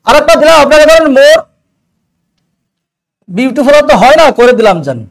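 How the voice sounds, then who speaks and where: A man teaching English grammar in an exam doubt-clearing lecture, explaining step by step and asking his students questions along the way. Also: very high-pitched, animated, moderate pace, a little hiss or hum, low-quality recording.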